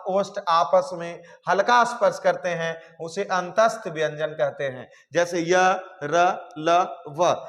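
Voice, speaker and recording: A man teaching Hindi grammar in a classroom lesson, asking questions and answering them himself and calling the viewer "babu". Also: high-pitched. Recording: long hall reverb.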